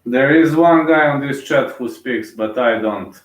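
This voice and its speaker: A Bulgarian man gives casual fight commentary, thinking aloud in a loose, rambling way packed with fillers and restarts. His voice is medium-pitched and a little slow, recorded from a distance with a roomy echo.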